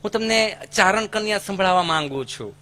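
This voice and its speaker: High, bright-voiced Kathiawadi storyteller man. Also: brisk. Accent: Kathiawadi Gujarati. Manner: animated, acts out voices of people in his stories. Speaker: folk comedian and storyteller. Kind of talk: stage folk storytelling comedy.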